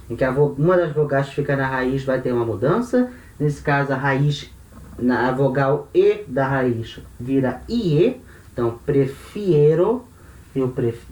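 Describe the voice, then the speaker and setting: A man's voice: mid-range voice, darkish tone, echoey room, far from the mic. A man with a Brazilian Portuguese accent teaching grammar patiently, often checking in with tag questions. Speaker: language teacher. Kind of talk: explaining grammar.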